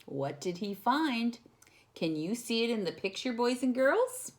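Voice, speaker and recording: In a fairly high voice with big pitch swings, a woman reads a picture book expressively at a slightly slow pace during children's storytime. She offers the young listeners simple questions and explanations.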